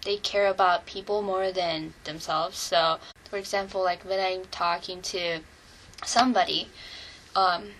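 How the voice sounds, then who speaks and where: A young woman from Japan talks in English with lots of "um" and "like", searching for words. Her voice is bright and lowish. A faint background hiss runs under it. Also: fairly even intonation, unhurried, rough recording. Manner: hesitant, many fillers. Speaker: international student. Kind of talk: casual interview answers.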